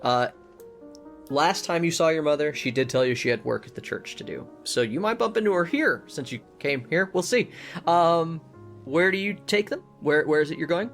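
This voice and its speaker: A man's voice: fairly high pitch, lively intonation, moderate pace, a bit bright, soft background music. A man narrating a tabletop game as game master, casual and full of self-corrections.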